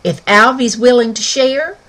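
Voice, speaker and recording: A woman voicing a kind father in a children's story, gentle and cheerful in manner. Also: fairly high pitch, unhurried, pitched above the performer's own voice. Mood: warm.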